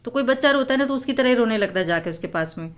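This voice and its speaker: A mother talks casually, patiently explaining step by step and pausing often with fillers as she answers viewers' questions. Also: fairly high pitch, animated.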